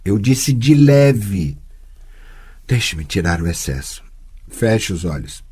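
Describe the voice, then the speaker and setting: A man voicing a patient, teasing sorceress who tutors a girl, speaking calmly and gently chiding in an audiobook. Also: lowish voice, slow pace, breathy edge, voice pushed down, heavily acted. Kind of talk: audiobook character voice.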